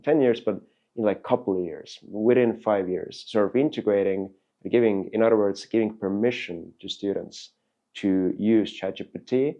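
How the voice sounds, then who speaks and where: A man's voice: lowish voice, normal speed, mellow, dull audio. A man hosting a podcast, asking long, rambling, searching questions in casual conversation. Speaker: podcast host. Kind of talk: casual interview.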